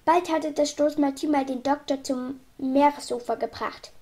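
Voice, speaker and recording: A woman reading a children's storybook aloud in a lively, expressive way. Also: high-pitched, moderate pace. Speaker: audiobook reader.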